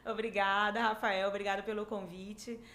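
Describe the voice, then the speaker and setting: A woman in her fifties from Manaus with an Amazonas accent, a dentistry professor telling her story as a podcast guest in a lively, chatty way. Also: mid-range voice, moderate pace. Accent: Amazonas Brazilian Portuguese. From Manaus, Brazil. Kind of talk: casual interview chat. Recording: echoey room, faint background hiss.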